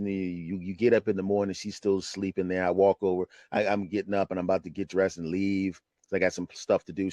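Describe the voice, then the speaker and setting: A man in his fifties, a retired comedian, telling a personal story on his podcast in an animated, conversational way. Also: sits low, no echo. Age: 50s. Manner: animated, conversational, keeps asking "right?". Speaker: podcast host.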